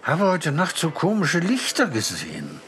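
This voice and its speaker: A man's voice: a little high, wildly swooping pitch, unhurried, fairly bright tone, a little hiss or hum, pitched above the performer's own voice, heavily acted. A man voicing a tired, dreamy young boy in a children's audiobook, distracted and hesitant.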